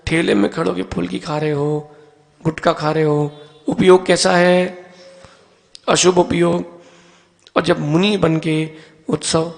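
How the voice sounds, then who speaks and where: A man's voice: sits high, vocal fry. A male Jain monk gives a teaching sermon in a temple hall. He explains ideas step by step with everyday objects and asks his listeners questions, calling on them by name.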